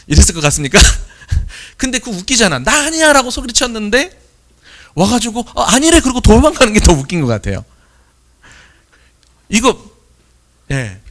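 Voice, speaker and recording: A man's voice: a little high, a bit bright. A man, a pastor, giving a sermon testimony and telling a story with acted quotes.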